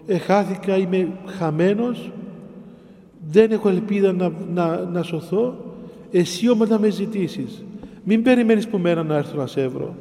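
A man's voice: sits high, dark tone. Man preaching in a reverberant hall. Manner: explains scripture line by line, repeating and pausing. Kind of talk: sermon on a psalm.

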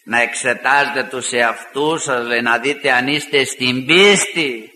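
A man preaching a fiery sermon, rising to shouts and retelling arguments with mocking asides. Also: medium pitch. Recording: echoey hall with long reverb.

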